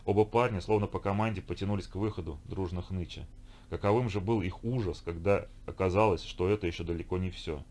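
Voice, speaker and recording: Male audiobook narrator, low voice, steady storytelling. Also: fast talker. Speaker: audiobook reader.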